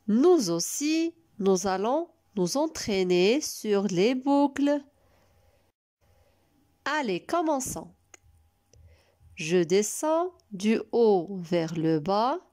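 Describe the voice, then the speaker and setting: Woman, preschool teacher, very slow encouraging delivery, animated pitch. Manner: slow and carefully spelled out, encouraging. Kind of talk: recorded lesson for young children.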